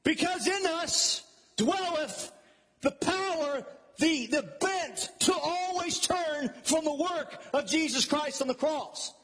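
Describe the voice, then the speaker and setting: A man preaching a fervent sermon, swinging between shouted peaks and quiet, low intensity. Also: slow, long reverb tail.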